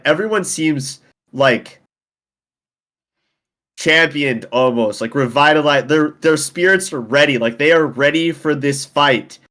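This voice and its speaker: A man's voice: fairly high pitch, a bit bright. A man narrating as game master of a tabletop game, casual and peppered with fillers.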